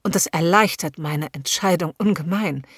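A woman voicing a curious, nervous young woman client, speaking softly and breathily. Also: on the low side, normal speed, breathy edge, dry recording, clean studio sound. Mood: curious eager.

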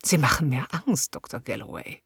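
Woman playing a young female client, curious and nervous, soft, husky, low-pitched, hushed delivery. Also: very animated, normal speed, no room sound, clean studio sound, heavily acted. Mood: curious eager.

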